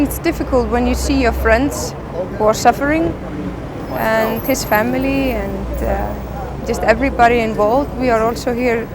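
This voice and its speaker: Brief: woman, hesitant and halting, slightly high voice, street noise around her. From Iceland. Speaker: interviewee. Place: outdoors outside a courthouse.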